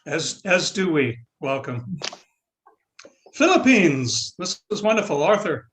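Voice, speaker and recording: A man's voice: a little high, big pitch swings, slow, a bit bright, a little hiss or hum. Upbeat guy running the zoom call, bouncy voice. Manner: brief, upbeat prompts. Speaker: meeting moderator. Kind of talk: hosting a video meeting. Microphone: video call.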